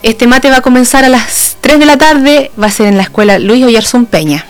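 A folk ballet dancer from Santa Cruz, Chile, speaks with a Chilean accent as a guest in a casual radio interview. Her voice is fairly high and her pace moderate, with faint music in the background.

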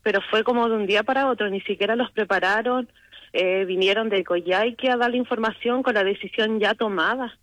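A woman's voice: mid-range voice, a little fast, a bit bright, no echo, rough recording. A woman calling in, explaining earnestly and repeating her points. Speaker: caller. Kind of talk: phone-in testimony.

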